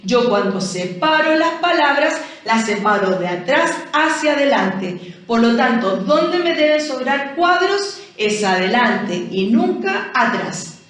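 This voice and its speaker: A woman's voice: on the high side, big pitch swings, slow pace, fairly bright tone. A Chilean woman teaching a primary school language lesson, explaining patiently and checking in with frequent rhetorical questions. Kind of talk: recorded classroom lesson explanation. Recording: very echoey room, voice from far off.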